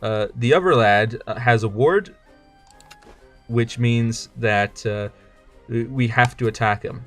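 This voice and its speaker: A man with a medium-pitched voice streams a card game, talking slowly over faint background music. His commentary is casual and rambling, full of jokes, and he stammers and restarts his sentences.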